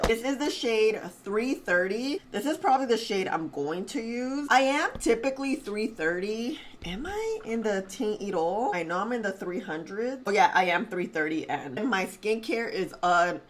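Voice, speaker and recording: A woman's voice: medium pitch, a little hiss or hum. A woman beauty vlogger chatting casually and expressively to her viewers while testing makeup. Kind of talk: casual beauty vlog chat.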